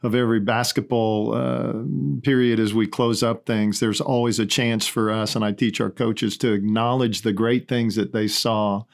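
A man's voice: fairly low pitch, little pitch movement, moderate pace, gravelly, hardly any pauses. A man who coaches at a camp, a podcast guest, telling stories enthusiastically with many restarts. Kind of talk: podcast conversation.

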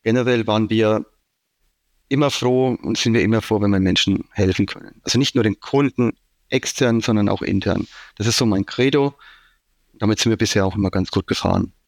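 Talking a little fast in a lowish, gravelly voice, a Franconian IT manager with a regional German accent explains at great length, heavy on fillers, during a casual business interview. The recording is dry.

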